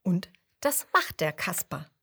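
A woman tells a children's story and addresses the young listener directly. Her delivery is slow and unhurried, with very lively pitch. Her voice is slightly husky.

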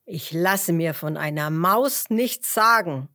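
A woman's voice: lowish voice, expressive, slow, sharp tone, exaggerated voice. A woman voicing a proud, hot-tempered male lion who roars and boasts in a children's story. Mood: indignant. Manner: roaring, boastful.

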